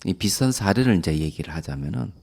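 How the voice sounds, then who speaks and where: A man, a Buddhist monk, giving a calm dharma lecture that often trails off softly at the ends of phrases. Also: low voice, fast talker, vocal fry.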